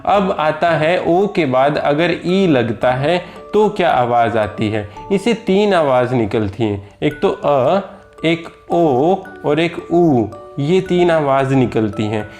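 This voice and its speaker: A man's voice: on the high side, expressive, slow pace, a little mellow, soft background music. A man with an Indian accent teaching a lesson, patiently repeating each example word and addressing his viewers as children. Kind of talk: slow explanatory lesson.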